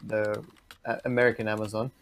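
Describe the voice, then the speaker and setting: A man co-hosting a podcast, chatting casually and calmly explaining his view. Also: lowish voice, brisk, dry recording. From Australia. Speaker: podcast co-host.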